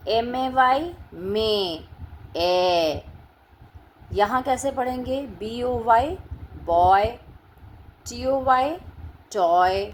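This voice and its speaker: A woman teaching phonics, spelling words out letter by letter in a slow, deliberate way. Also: fairly high pitch, a little hiss or hum, rough recording. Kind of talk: classroom-style phonics lesson.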